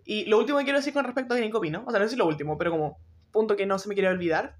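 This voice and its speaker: A young woman with a Chilean accent, co-hosting a podcast in loud, excitable casual chat. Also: mid-range voice. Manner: fast, excitable, talks loudly. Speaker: podcast co-host.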